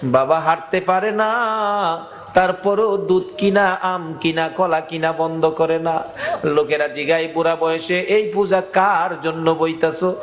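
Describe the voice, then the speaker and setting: Wailing high-voiced preacher, half-singing. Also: male voice, fairly even intonation, unhurried, muffled recording, faint music behind. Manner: wailing, half-sung, pleading. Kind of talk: emotional sung sermon.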